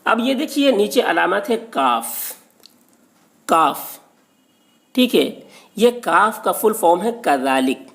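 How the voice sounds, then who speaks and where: A man giving a religious lesson on recitation marks, explaining slowly and patiently, repeating key terms and checking in with the listener. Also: high-pitched, sing-song, gravelly, fairly bright tone. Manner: patient and repetitive, often checks with "okay". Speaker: religious teacher.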